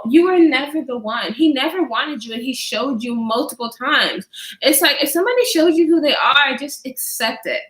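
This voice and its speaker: High, lively, sassy woman vlogger. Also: reverberant, poor audio. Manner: blunt, sassy, laughs often. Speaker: vlogger reacting to viewer comments. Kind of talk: casual chatty commentary.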